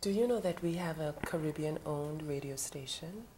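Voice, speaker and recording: A woman from Trinidad and Tobago, a guest in a TV studio interview, animated and laughing often as she asks rhetorical questions. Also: sits low, normal speed, slight background noise. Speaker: guest, event coordinator.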